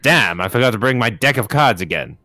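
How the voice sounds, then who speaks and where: A man's voice: medium pitch, animated, fairly quick, sharp tone. A man doing a goofy wisecracking city cop. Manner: joking, sarcastic.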